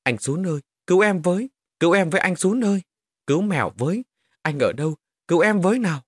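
A man's voice: high voice, expressive, fast, husky, no echo, pitched above the performer's own voice. A man voicing a terrified little girl who begs and cries out for help in a spoken horror story. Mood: screaming for help. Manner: begging, crying out.

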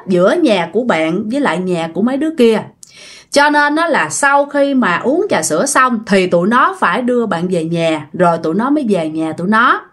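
A woman's voice: a little high, fairly bright tone. A woman with a Southern Vietnamese accent casually retelling a ghost story, chatting directly to her listeners.

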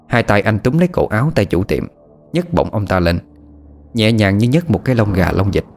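A man narrating a ghost story in a steady, first-person way. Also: fairly low pitch, normal speed. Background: faint background music.

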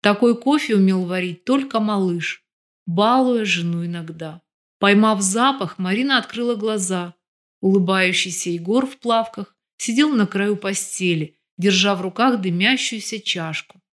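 A woman narrates a novel for an audiobook. She keeps an even storytelling pace. Her voice sits at a middling pitch. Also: normal speed. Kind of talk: scripted narration.

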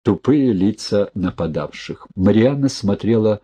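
A man reading a thriller novel aloud as an audiobook narrator in a steady, even storytelling manner. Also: fairly low pitch, a little slow, slightly rough. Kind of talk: scripted narration.

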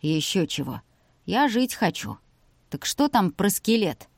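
Woman doing a gloomy young guy, low grudging mutter, dry close sound. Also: big pitch swings, a little slow, vocal fry, dry recording, full character voice. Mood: glum wry. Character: young man, gloomy, wry, reluctant.

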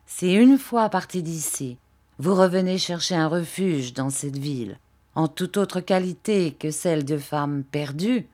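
A woman's voice: deep voice, a little mellow. A woman voicing a cold, spiteful young woman. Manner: slow, hard, cutting delivery. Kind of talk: audiobook character reading.

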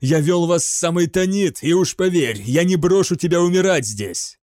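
A man's voice: high voice, expressive, normal speed, a little mellow, dry recording, studio quality, pitched above the performer's own voice. A man voicing a determined, commanding male commissar in an audiobook, speaking in a raised, urgent, rallying way.

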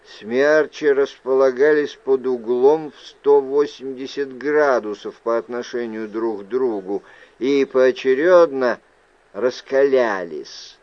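A man narrating an audiobook in a measured, even storytelling manner. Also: medium pitch, dry recording, dull audio. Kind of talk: scripted narration.

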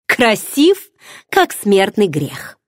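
A woman's voice: mid-range voice, huge pitch swings, drawn-out words, dry recording, studio quality, pitched above the performer's own voice, heavily acted. A woman voicing a guarded young heroine who replies with hesitant, restrained answers.

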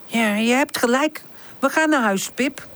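A woman voicing a cheerful, eager young male puppy in an audiobook, with a high, bouncy child-like voice. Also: unhurried, fairly bright tone.

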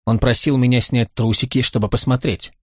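A male narrator gives voice to a blunt young girl in a storybook reading. She speaks flatly and quietly. The recording is dry. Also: mid-range voice, brisk, dry recording, natural voice. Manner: whispering, blunt.

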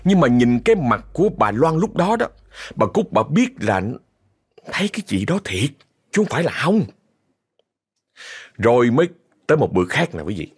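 Man, Southern Vietnamese accent, spoken horror story, chatty, talks to listeners directly, lively swinging pitch. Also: moderate pace, long pauses, husky. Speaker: ghost story narrator.

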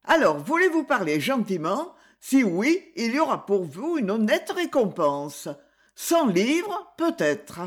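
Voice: medium pitch, sing-song, takes it slowly. A reader voicing a cool, commanding young woman detective in an audiobook, who can slip into a stammering tipsy act. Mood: cold commanding. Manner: shifts from drunken stammering to icy command.

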